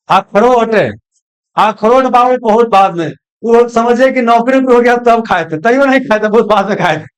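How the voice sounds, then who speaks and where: Folksy teacher drilling terms. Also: mid-range voice. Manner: drills by asking questions and answering them, repeats key terms; folksy, calls students "babu". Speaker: exam coaching teacher. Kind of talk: recorded online lecture.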